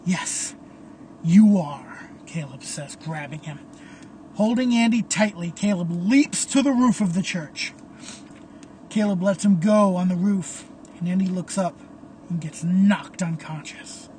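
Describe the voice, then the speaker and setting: Slow, hushed horror storyteller. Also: mid-range voice, slight background noise. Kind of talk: dramatic horror narration.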